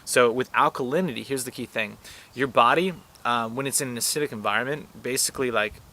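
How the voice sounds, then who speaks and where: Bright-voiced young man vlogging casually. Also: mid-range voice, fairly quick. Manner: rambling, filler-heavy, earnest advice. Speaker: wellness vlogger. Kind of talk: casual talk to camera.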